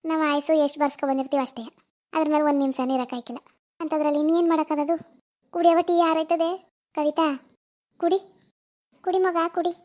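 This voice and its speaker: A woman's voice: sits high, flat delivery, quick pace, long pauses, a little mellow, close to an everyday voice. A woman voicing a firm, caring middle-aged village woman in a cartoon, consoling and persuading. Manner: firm, consoling, a little bossy. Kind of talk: cartoon voice acting.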